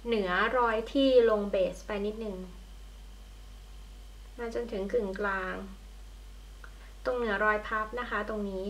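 A woman's voice: on the high side, steady tone, a little slow, pauses often. Young woman, makeup tutorial, casual chat, friendly, talks while working, recorded at home. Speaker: beauty vlogger. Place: at home by a window in natural light. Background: passing trains.

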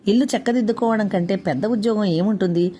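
A woman voicing an elderly, traditional grandmother who gives slow, coaxing advice in a read-aloud story. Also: medium pitch, mellow, lightly acted.

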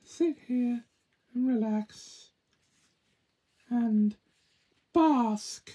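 A man voicing a polite, chatty young girl rag doll in an amateur puppet show, with quaint, deliberate phrasing. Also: very high voice, dark tone, slightly rough, full character voice. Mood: dreamy, apologetic.

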